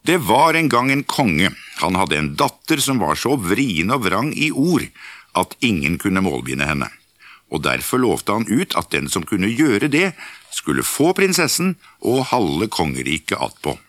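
A man reading a folk fairytale aloud with an expressive storybook lilt. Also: lowish voice, dry recording.

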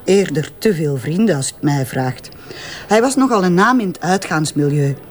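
In an audio crime drama, an actress with a Flemish accent plays a shrewd, confident investigative tabloid journalist with a knowing, teasing manner. Her low, slightly mellow voice is expressive at a moderate pace in naturalistic dialogue. Some chatter can be heard behind her.

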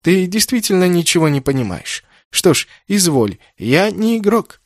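A man's voice: high-pitched, big pitch swings, moderate pace, dry recording, voice pushed up. Audiobook: cryptic shapeshifting spirit, voiced by a man, teasing, riddling, dry booth sound.

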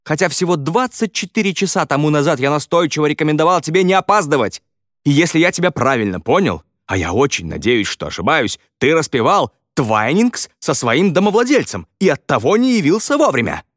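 A man's voice: a little high, sing-song, brisk, fairly bright tone, dry recording, clean studio sound, voice pushed up. A man voicing a weary middle-aged male foreman who scolds curtly. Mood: scolding. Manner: curt, clipped and scolding.

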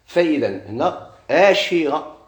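A man with a Moroccan Arabic accent teaching a classroom grammar lesson. He keeps quizzing his students and slowly draws out each example word. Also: a little high, sing-song, echoey room, lo-fi sound.

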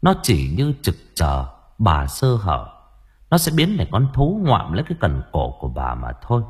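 A man narrating an audiobook in an expressive, dramatic storytelling manner. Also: sits low, moderate pace, breathy edge.

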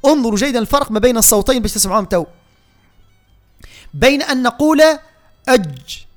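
Man, Tunisian accent, recitation teacher, high voice, slow drawn-out recited verses. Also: faint music behind. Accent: Tunisian Arabic. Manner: explains, then drags out verses slowly and repeats sounds. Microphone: radio studio mic.

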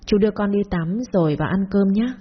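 A man's voice: sits high, quick pace, slightly rough, muffled recording. A woman doing a firm, protective young neighbor man. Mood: caring. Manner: firm, questioning. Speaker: neighbor in a story.

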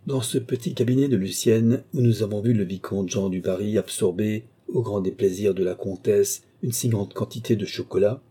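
Man with a dark, husky reading voice. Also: fairly low pitch, moderate pace, hardly any pauses. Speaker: audiobook narrator. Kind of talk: reading a classic novel aloud.

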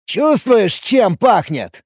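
A man plays a shouting young street thug, high, loud and swinging wildly in pitch as he curses. The voice is dry and close, like a storybook read right into the mic. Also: big pitch swings, slow, slightly rough, no room sound, heavily acted. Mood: aggressive. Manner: yelling, swearing. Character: aggressive young male thug, shouting and menacing.

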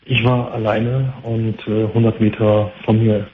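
A man in his thirties calling a talk show, giving a halting personal account over an unclean phone line. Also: lowish voice, flat delivery. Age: 30s. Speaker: phone-in caller. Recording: unclean tinny phone line, faint noise.

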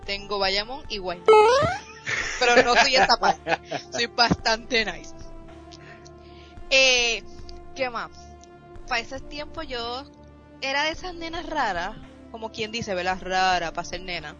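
A Puerto Rican streamer in her thirties, with a Puerto Rican Spanish accent, tells her life story as an interview guest, lively and sprinkling in English words. Her voice is on the high side and slow, with long pauses, over dull lo-fi audio with faint music.

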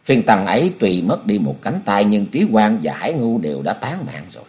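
Guy reading as a young sword hero, earnest, low steady voice. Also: moderate pace. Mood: resolute. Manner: low, firm speaking.

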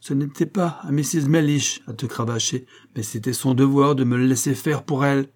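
A man reading aloud, voicing a young gentleman who gives firm commands to a servant. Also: mid-range voice, steady tone, normal speed, close to an everyday voice. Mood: stern. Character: devoted young gentleman husband, protective.

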